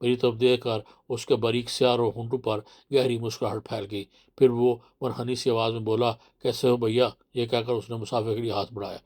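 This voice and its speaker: A man narrating a horror novel in a steady, measured reading voice. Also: mid-range voice.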